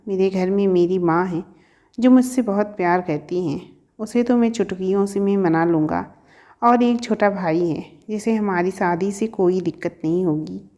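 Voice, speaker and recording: A woman's voice: medium pitch, moderate pace, warm tone, lightly acted. A woman reading a storybook, voicing a young male professor who pleads and teases his sweetheart. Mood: teasing. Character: young man, a professor, earnest and teasing lover.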